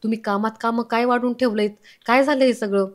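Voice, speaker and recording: A woman's voice: a little high, steady tone, brisk, lightly acted. A woman voicing a harried, short-tempered working mother who talks in a snappy, scolding way.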